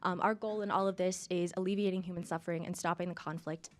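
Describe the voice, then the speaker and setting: Fast-talking young woman answering questions. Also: fairly low pitch, steady tone, background noise. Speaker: student competitor answering judges. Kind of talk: formal question-and-answer response.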